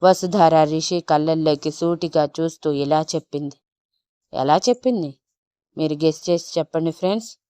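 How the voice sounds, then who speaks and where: A woman narrating a romantic audio story in a calm, steady way. Her voice is low and smooth, and the sound is dry and close with no room around it. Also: moderate pace, no echo. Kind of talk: scripted narration of a love story.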